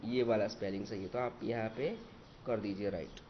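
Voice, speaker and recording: A male English teacher, slowly explaining exercises, spelling words letter by letter and repeating each one. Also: lowish voice, steady tone. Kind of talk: slow explanatory lesson. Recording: dull lo-fi recording with faint noise.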